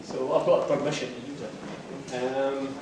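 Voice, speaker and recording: A man's voice: medium pitch, little pitch movement, unhurried. A man with a broad Scottish accent giving a live recital of comic dialect verse. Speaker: amateur poetry reciter. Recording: very echoey hall, distant mic, noisy.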